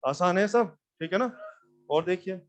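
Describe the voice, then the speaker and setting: A man teaching physics to a class, animated and often repeating questions back to students. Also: high voice, measured pace. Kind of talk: classroom lecture.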